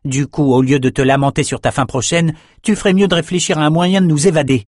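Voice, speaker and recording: A man performs an audiobook character, a defiant young swordsman held prisoner, speaking firmly and urgently. His natural voice is pitched fairly high, above his own, with a quick pace and darkish tone. The studio-quality recording has no echo.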